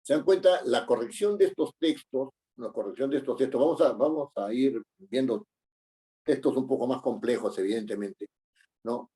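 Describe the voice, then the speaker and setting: A man's voice: mid-range voice, normal speed, warm tone. A middle-aged man teaching a class, explaining patiently with many fillers and tag questions. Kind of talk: online class lecture.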